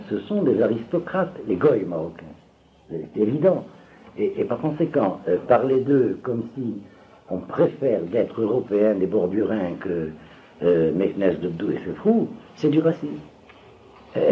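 An older man with a low voice teaches a roomful of listeners, his pitch rising and falling a lot as he wanders from point to point. He keeps asking whether they have understood. The recording is dull and lo-fi, with a faint hiss of room noise behind him. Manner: digressive, keeps checking if listeners follow. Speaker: religious teacher. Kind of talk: lecture to an audience.

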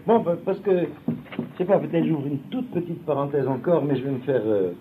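A man's voice: on the high side, normal speed. A man teaching a Talmud class, explaining at length and often checking that his students follow. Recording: tinny lo-fi recording with faint noise.

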